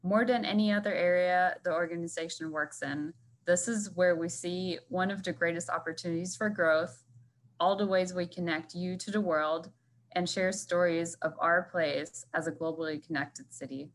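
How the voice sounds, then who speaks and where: A woman's voice: on the low side, steady tone, moderate pace, rough recording. A woman board member giving an upbeat prepared speech at an online event, from a construction site. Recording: faint construction background noise.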